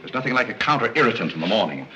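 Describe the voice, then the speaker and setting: Polite unflappable butler guy, dry screwball comedy delivery, kinda low voice, hissy old 30s movie audio. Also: big pitch swings, rapid-fire. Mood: dry, curious. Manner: courteous, hesitant, dry screwball comedy banter. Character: polite, unruffled, gentlemanly new male butler. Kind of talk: 1930s screwball film comedy acting. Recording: muffled, noisy 1930s film soundtrack.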